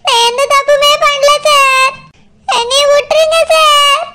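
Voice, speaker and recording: A woman's voice: extremely high pitch, fairly even intonation, a little slow, very noisy. A woman voicing a middle-aged village mother, locked in jail, who sobs and pleads with a Tirunelveli Tamil accent. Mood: pleading. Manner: wailing, pleading, sobbing. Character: jailed village mother, middle-aged, sobbing, self-pitying. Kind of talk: cartoon voice acting.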